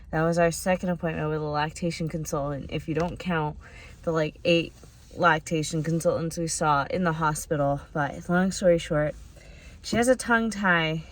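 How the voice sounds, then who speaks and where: A young adult woman talking casually to camera in a candid, self-deprecating, chatty way, like a vlogger. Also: low voice. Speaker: vlogger and writer, new mother. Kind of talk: casual vlog talk to camera.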